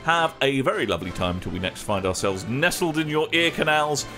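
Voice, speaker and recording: A man's voice: mid-range voice, animated, brisk, music in the background. A man hosting a podcast in casual chat, with a playful, mock-formal way of talking. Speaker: podcast host.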